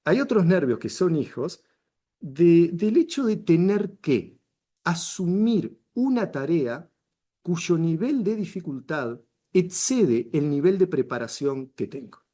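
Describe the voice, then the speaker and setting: A middle-aged man with a Rioplatense Spanish accent teaches a public speaking workshop to camera, directing the camera with arm signals. His voice is on the high side, slow and warm with big pitch swings, and his delivery is emphatic and full of rhetorical questions.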